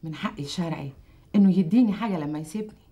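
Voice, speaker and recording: A woman's voice: on the low side, racing, warm tone, natural voice. A woman playing a sly woman bargaining for gold. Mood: pleading. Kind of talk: TV drama acting.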